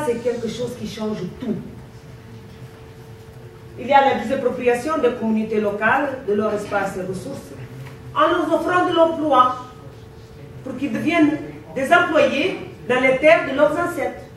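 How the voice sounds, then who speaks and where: Speaking French as a second language, this high-pitched presenter from Guinea-Bissau delivers a passionate talk to a conference, pressing her points deliberately and repeating phrases. Her accent is foreign, and the recording comes from a distant mic in a very echoey indoor hall with faint background noise.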